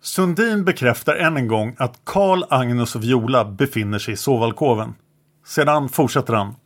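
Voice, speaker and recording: A man narrating a true-crime account in an even, sober reading voice. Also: medium pitch.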